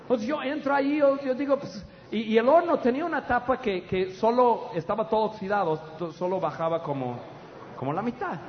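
A middle-aged man, preaching a humorous storytelling sermon in an animated, loud way with stammered restarts. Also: sits high, a little fast. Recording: dull, echoey hall with audience.

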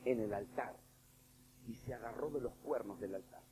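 A man preaching a sermon. He is emphatic, swings between hushed and loud delivery, and puts direct questions to his listeners. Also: lowish voice, moderate pace, a little hiss or hum, poor audio.

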